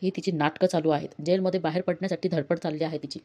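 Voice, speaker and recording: A woman's voice: sits low, fairly even intonation, fast talker, dark tone, close to an everyday voice. A woman voicing a spiteful young woman who mocks, read in her own voice. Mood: scornful.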